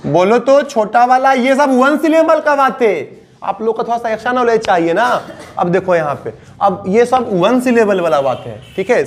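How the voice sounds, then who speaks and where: A man with a Bihari Hindi accent teaching English grammar to a class, coaxing and repeating, drawing out the endings of words. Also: high-pitched. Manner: coaxing, repetitive teaching with drawn-out word endings.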